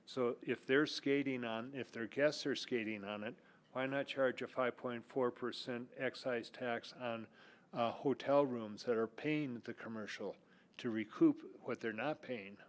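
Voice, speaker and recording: An American man on a city council questions a colleague at a public meeting. He speaks haltingly and uses fillers. His voice has an average pitch. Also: steady tone.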